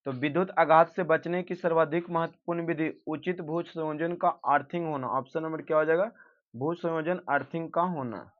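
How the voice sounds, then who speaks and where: A man's voice: a little high, fairly even intonation, normal speed. Man reading out exam practice answers. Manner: reads questions then gives answers, self-correcting. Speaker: teacher. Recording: dull lo-fi recording.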